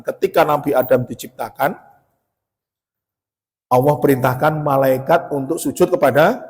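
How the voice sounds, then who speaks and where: A man giving a sermon, telling stories with quoted dialogue and rising to emphatic peaks. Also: mid-range voice. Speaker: preacher. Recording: long hall reverb.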